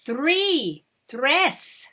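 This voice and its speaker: A woman's voice: high voice, sing-song, drawn-out words, pushed and bright. A woman speaking as a kids show host, addressing young children in a sing-song way and getting them to repeat after her. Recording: children's music behind the voice. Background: children's music.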